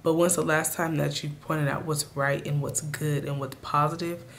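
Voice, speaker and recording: A woman with a raspy, hoarse voice from a cold, giving earnest motivational advice straight to her viewers in a casual vlog. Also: low-pitched, flat delivery, moderate pace, slight background noise. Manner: earnest, speaks to viewers directly. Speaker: vlogger.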